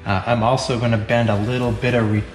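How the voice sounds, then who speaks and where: This man in his forties talks fast with a flat, mid-range delivery. Plain-spoken and practical, he walks through welding step by step in a big metal shop, where the sound echoes and faint music plays.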